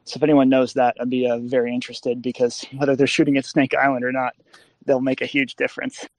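A man talks over a phone line from his car as he drives, his pitch holding flat and even. His questions halt on fillers. The sound is close and dry, with no room behind it. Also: no echo. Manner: halting, filler-heavy questions. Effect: phone call from a moving car. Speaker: caller in an online audio discussion. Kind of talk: casual chat.

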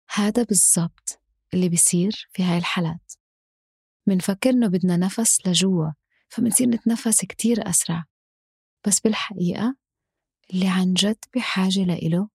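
A woman with a Levantine Arabic accent and a husky voice leads a guided breathing exercise as instructor, giving short, spaced instructions. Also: fairly low pitch, darkish tone, no echo, clean studio sound.

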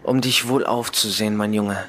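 A man voicing a shaken mother who speaks emotionally, with his voice raised higher than his usual reading. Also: fairly even intonation, moderate pace, fairly bright tone, a little hiss or hum, natural voice. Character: shaken mother of a lost son.

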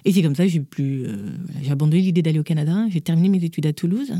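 A woman in her thirties, an interview guest, tells her life story in a lively way and acts out what others said. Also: low-pitched, rapid-fire, no room sound, clean studio sound. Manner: lively, acts out quotes in changed voices. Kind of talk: personal storytelling in conversation.

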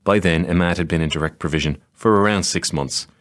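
A man giving measured, scripted narration as a documentary podcast reporter. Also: sits low, a bit bright.

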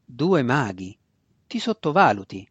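A proud, cruel dark elf matriarch, put on by a male narrator, giving orders in a low, deliberate, domineering voice. The sound is dry and close. The recording has a slightly dull, muffled edge. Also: sing-song, husky, no room sound. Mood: commanding.

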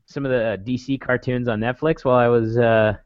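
A man's voice: mid-range voice, a little fast, no room sound. A man co-hosting a casual podcast chat, joking and laughing as he talks. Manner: joking, animated, laughs often. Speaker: podcast co-host. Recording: dull, muffled sound.

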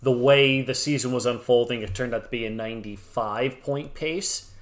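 A mid-pitched man co-hosting a sports podcast, quick to argue and crack jokes. His voice jumps up high when he gets excited, then settles back into plain talk. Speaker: podcast co-host and blogger. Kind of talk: casual sports podcast debate.

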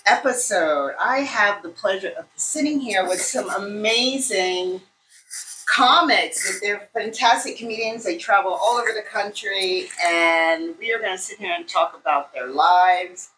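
A woman hosting a show in a theatrical, effusive manner, drawing out her words, with a husky voice. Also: mid-range voice, measured pace, sharp tone, slight background noise, poor audio. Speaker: host. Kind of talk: show introduction and casual interview.

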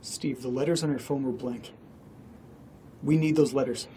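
A man's voice: mid-range voice, steady tone, moderate pace, warm tone, natural voice. An actor playing Nate, a rattled, anxious man caught up in a horror audio drama. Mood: determined. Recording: clearly noisy background ambience.

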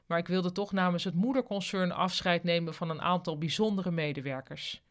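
Reader voicing a company boss, male, formal, measured, brief. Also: high voice, a bit bright.

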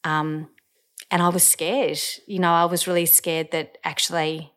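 A woman's voice: lowish voice, level tone, a little slow, a bit bright. A woman, candidly telling a personal story with casual swearing and fillers.

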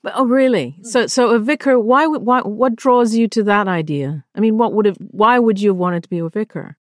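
A woman's voice: medium pitch, brisk, no room sound, clean studio sound. A woman interviewer asking curious, probing questions about a guest's childhood and work.

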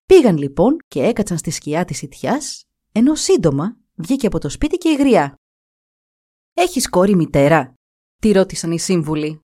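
A woman narrating a fairy tale in an expressive, animated reading voice. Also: on the low side. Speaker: storyteller.

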